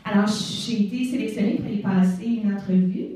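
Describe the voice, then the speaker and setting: A Canadian woman in her forties with a Québécois French accent shares her personal testimony as a guest speaker in an event hall. Her medium-pitched, steady voice moves a little fast, and her warm, conversational storytelling is full of fillers. The hall is echoey and the mic sits far off.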